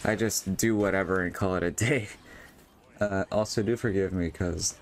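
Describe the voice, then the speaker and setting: A young man talks loosely over gameplay footage in a lowish voice that sounds a little strained. He rambles with plenty of ums and restarts, and a faint hiss sits under the home recording. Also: steady tone, moderate pace. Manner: rambling, frequent fillers and restarts. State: voice feels strained and odd. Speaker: vlogger. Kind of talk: casual monologue over gameplay.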